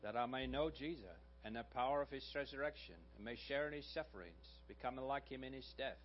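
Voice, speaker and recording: A slightly hoarse man delivers a sermon at a mid pitch, easy and conversational, tossing in little asides to his listeners. The recording is dull and lo-fi, with a faint hum running underneath. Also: fast. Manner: conversational preaching with frequent "right?" asides. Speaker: pastor.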